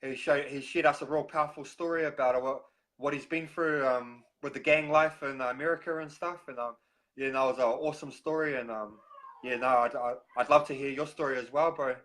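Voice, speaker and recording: A man with a broad New Zealand accent hosting a live stream, talking casually and haltingly with frequent pauses. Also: medium pitch, fairly even intonation, a bit bright, low-quality recording. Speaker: host of a recovery live stream.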